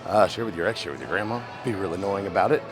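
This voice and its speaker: A man's voice: deep voice, fast, over music. A man vlogging casually from a theme park, chatty and self-deprecating, sounding a bit deflated. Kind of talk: casual vlog to camera.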